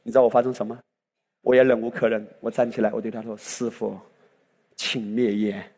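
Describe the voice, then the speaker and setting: A man's voice: mid-range voice, little pitch movement, racing, warm tone. A male pastor preaching a sermon with impassioned delivery that swells into exclamations, recorded in a church hall. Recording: reverberant hall sound.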